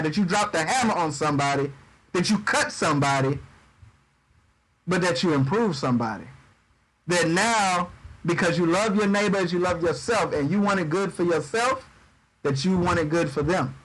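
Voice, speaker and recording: This high-voiced man preaches casually over a livestream microphone, reading Bible passages and improvising around them. He drops a Southern "y'all," trips over his words and repeats them, and the recording quality is low.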